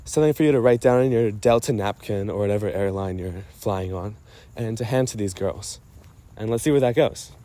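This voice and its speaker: This storyteller's voice sits at a medium pitch with a somewhat dark tone. In a casual voice memo meant for a friend, he jokes at his own expense, keeps interrupting himself, and drifts off topic as he rambles.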